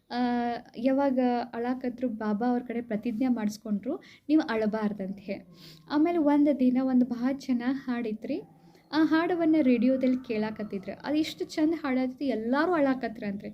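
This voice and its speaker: A woman giving a devotional talk, retelling stories conversationally and addressing listeners warmly with frequent polite asides. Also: sits high. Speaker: spiritual speaker. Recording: slightly dull recording with faint background hiss.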